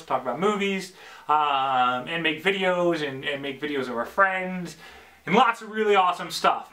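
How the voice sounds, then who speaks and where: Excitable male solo host, bright and slightly high voice, rambling off the cuff. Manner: excitable, rambling, swings into loud bursts. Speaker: podcast host. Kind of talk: casual solo talk. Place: basement.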